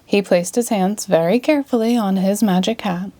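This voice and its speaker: A woman with a mid-range voice reads a children's storybook aloud at a moderate pace, using an expressive read-aloud style.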